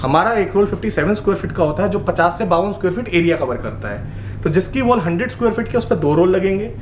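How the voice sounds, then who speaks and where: Fast-talking shopkeeper man in echoey shop. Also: high voice, animated, slight background noise. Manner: explains prices and details eagerly. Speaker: shop owner showing products. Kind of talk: sales walkthrough. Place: indoor wallpaper shop.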